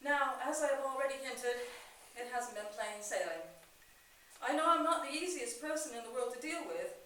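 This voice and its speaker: A woman playing a brisk, frank Edwardian women's movement organizer, giving a chatty but genteel formal address. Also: high voice, fairly bright tone. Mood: brisk, wry. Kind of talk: amateur costumed historical monologue, formal public address. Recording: echoey hall from far off, faint noise.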